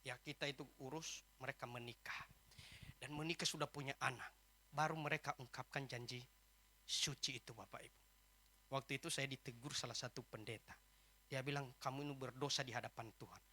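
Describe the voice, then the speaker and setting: A male pastor preaching in a church service, telling a story with quoted dialogue and rising to loud, emphatic peaks. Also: medium pitch, fairly even intonation, brisk, pauses often. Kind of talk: sermon with acted anecdotes.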